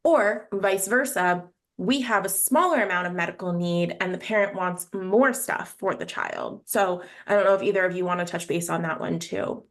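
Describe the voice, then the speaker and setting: A woman's voice: lowish voice, moderate pace, few pauses. A woman co-hosting a podcast in casual discussion, laying out points in long lists with many ums. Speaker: podcast co-host.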